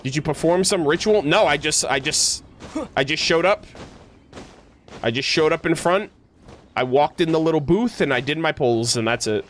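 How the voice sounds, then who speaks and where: This man livestreams a game in a slightly high voice at normal speed, with a little background noise. He chats casually with viewers, rambling in slang, often correcting himself and tossing in animated asides.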